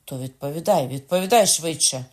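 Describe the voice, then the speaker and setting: Brief: reader doing a hot-headed young noble, loud and higher-pitched, shouting his threats. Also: expressive, brisk, natural voice. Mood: indignant shouting. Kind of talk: audiobook character voice.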